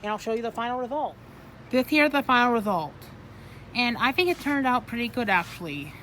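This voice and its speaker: An eighteen-year-old from Michigan hosting a casual how-to vlog, often halting and correcting themselves mid-sentence. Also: medium pitch, animated, pushed and bright, a little hiss or hum, low-quality recording. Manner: halting, self-correcting, trailing off. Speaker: plant arrangement seller and video host.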